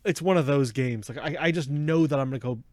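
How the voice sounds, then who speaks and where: A man's voice: medium pitch, fast talker, a little mellow, dry recording. A man co-hosting a casual gaming podcast, chatting playfully and joking with his co-host. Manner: playful, jokey, reads ad copy with mock drama.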